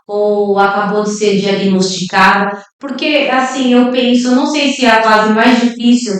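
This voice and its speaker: A woman's voice: fairly high pitch, steady tone, moderate pace. A woman hosting a podcast interview, asking questions and affirming her guest in an encouraging way. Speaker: podcast host. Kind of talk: casual interview. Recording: echoey room, mic at a distance.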